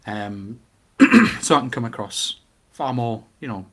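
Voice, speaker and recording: Speaking slowly in a mid-range voice, a middle-aged Newcastle man with a Geordie accent offers his opinions in a lively, casual chat. He tells stories animatedly, acting out quotes and throwing in rhetorical questions.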